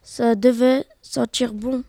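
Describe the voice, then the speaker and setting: A woman's voice: on the high side, level tone, slow pace, dark tone, no room sound, studio quality. A woman voicing a naive, cheerful female potato in an amateur web radio story reading. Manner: simple, unbothered replies.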